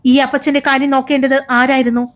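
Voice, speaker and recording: This is a stern young male doctor, read by a woman narrator in a storybook reading. He fires sharp, scolding questions at a nurse. The voice stays high, with soft music underneath. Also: little pitch movement, fast talker, close to an everyday voice.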